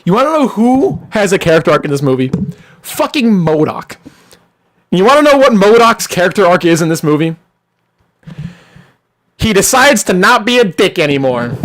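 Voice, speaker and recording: A young live streamer tears into a movie, swearing constantly and breaking into shouts. The pitch swings widely between loud peaks and low muttering. The voice sounds worn from all the yelling. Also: moderate pace, pauses often. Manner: profane, animated ranting, bursts into shouting. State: losing voice. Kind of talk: live-stream rant and chat reading.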